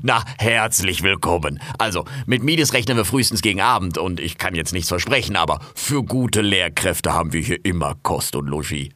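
Brash cursing male raccoon voiced by a man, very low and forceful, excitable audio-drama role. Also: moderate pace, hardly any pauses, no room sound, studio quality. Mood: wary. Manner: loud, cursing, jumpy and excitable. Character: brash, foul-mouthed male raccoon garden worker.

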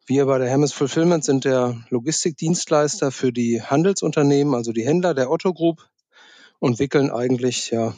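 A man's voice: mid-range voice, dark tone, no room sound. A man from Westphalia, a podcast guest introducing himself and his work conversationally. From Westphalia, Germany. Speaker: podcast guest, logistics employee.

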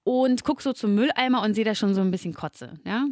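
A woman co-hosting a casual chat, telling lively anecdotes with lots of fillers. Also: medium pitch, brisk, no echo, clean studio sound. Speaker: podcast co-host.

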